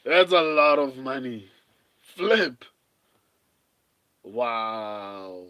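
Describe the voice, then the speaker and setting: Slow-talking man. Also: mid-range voice, highs cut off. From South Africa. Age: 30s. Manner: relaxed, reads viewer comments aloud and chuckles. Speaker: livestream host. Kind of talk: casual watch-along commentary.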